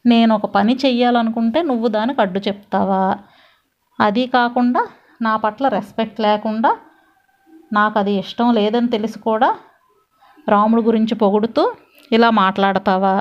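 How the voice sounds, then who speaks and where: A woman's voice: fairly high pitch, fairly even intonation, moderate pace, pauses often, lightly acted. A woman voicing an arrogant male demon king who scolds and threatens in a storytelling reading. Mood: scolding. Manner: domineering, scolding. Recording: dull lo-fi recording.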